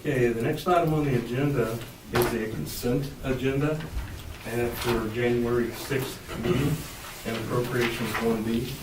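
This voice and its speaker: An American man chairing a council meeting as mayor, speaking politely and a little haltingly in formal procedural language. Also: medium pitch, steady tone. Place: echoey meeting room. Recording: distant mic, roomy echo, clear background noise.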